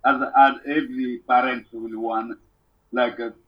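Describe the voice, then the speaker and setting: Husky man, distant muffled call. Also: medium pitch, flat delivery, a little slow. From Democratic Republic of Congo. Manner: earnest, plain-spoken storyteller. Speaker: musician guest. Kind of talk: casual interview storytelling. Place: home living room. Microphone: remote call.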